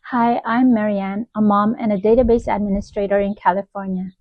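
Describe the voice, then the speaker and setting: A woman, a mother and database administrator, speaking in a measured, serious way in a testimonial. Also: medium pitch, steady tone, no room sound. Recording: dry, dull home-mic sound.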